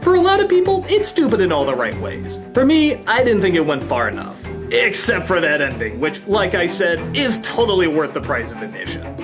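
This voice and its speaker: A woman giving a casual, exasperated film review in an animated way. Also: fairly low pitch, brisk, over music. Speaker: movie reviewer.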